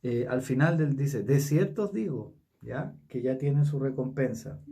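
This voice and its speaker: A man with a Chilean Spanish accent leading a casual Bible study, talking haltingly with many fillers and tag questions. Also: mid-range voice, gravelly, mellow, distant mic.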